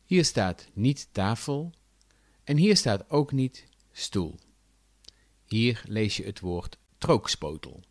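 A man from the south of the Netherlands with a southern Dutch accent, giving a clear, deliberate scripted lesson. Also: on the low side, dry recording, studio quality. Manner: clear, deliberate explanatory delivery with lively intonation. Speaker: language teacher. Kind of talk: scripted educational narration.

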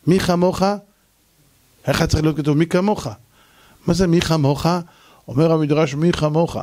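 A man, a rabbi, giving a lively Torah lecture, telling stories and acting out their characters. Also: on the high side. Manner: animated storytelling, acting out characters.

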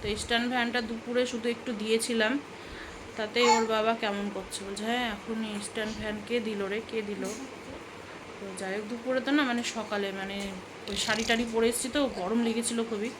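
Woman from Bengal, thirties, casual rambling home-vlog talk, a bit high, noisy phone recording at home. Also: fairly even intonation, brisk. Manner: chatty, rambling, soothes a fussing toddler. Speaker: vlogger. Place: home room with fans running.

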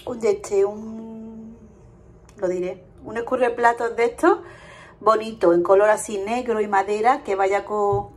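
A woman's voice: medium pitch, a little mellow. A woman, chatting casually as a vlogger in her home kitchen and rambling through her plans. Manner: chatty, rambling, self-correcting. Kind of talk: casual chat. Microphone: handheld phone camera.

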